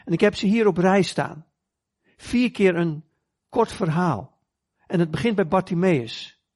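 A man preaches a sermon in an earnest storytelling manner, giving the quoted voices a little life. His voice sits a touch high and carries a slightly husky edge. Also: lively intonation, measured pace, darkish tone.

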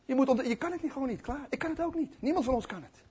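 Male preacher, high-pitched and husky, humorous animated sermon storyteller. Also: racing. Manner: animated, humorous, addresses the congregation directly.

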